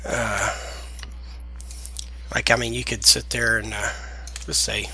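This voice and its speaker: A man with a deep Southern US accent and slightly slurred S sounds, giving a casual, halting, rambling software tutorial. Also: little pitch movement, slight background noise. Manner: halting, rambling delivery with trailing sentences. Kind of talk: casual unscripted screen tutorial.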